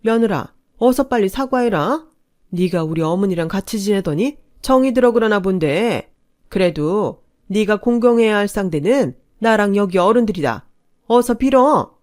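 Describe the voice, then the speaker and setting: A woman's voice: mid-range voice, lively intonation, normal speed, darkish tone, close to an everyday voice. A woman voicing a stern middle-aged father-in-law who scolds and gives orders. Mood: commanding. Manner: commanding, scolding.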